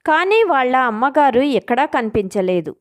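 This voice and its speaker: A woman narrating a first-person suspense story in an expressive, scripted storytelling way. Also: sits high, moderate pace.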